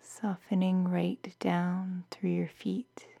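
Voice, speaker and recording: A woman guiding a bedtime meditation in a soft, soothing, half-whispered voice, like a sleep story narrator. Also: fairly low pitch, little pitch movement, takes it slowly, vocal fry, husky. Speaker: meditation guide.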